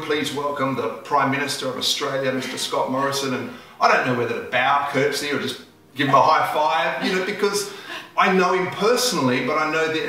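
Guy pastor preaching, bright tone, big echo, kinda far from the mic. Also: on the high side. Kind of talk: sermon. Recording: echoey room, voice from far off.

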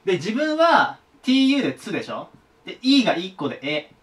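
High, lively-voiced man teaching. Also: fairly quick. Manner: chatty, shares his own memory tricks. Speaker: online tutor. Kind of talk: casual whiteboard lesson. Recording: voice a bit distant from the mic.

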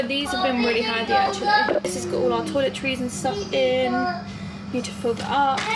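A young woman with a high, bright voice talks through her day in a chatty, upbeat way, her words a little lispy from braces. She records into a handheld camera, and loud background noise runs under everything she says. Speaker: vlogger. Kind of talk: casual vlog chat.

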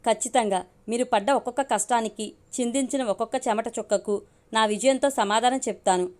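A woman's voice: fairly high pitch, fairly quick, a little mellow, lightly acted. A woman voicing an earnest teenage daughter who speaks pleadingly, in an audio storybook. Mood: determined. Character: teenage daughter, tearful and determined.

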